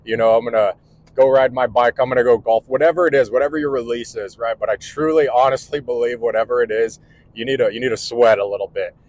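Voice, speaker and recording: A man's voice: mid-range voice, fairly even intonation, fast, darkish tone, low-quality recording. A man in his forties, an electrical contractor talking casually to camera at home, earnest and rambling with many restarts. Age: 40s. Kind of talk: casual vlog monologue. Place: indoors at home.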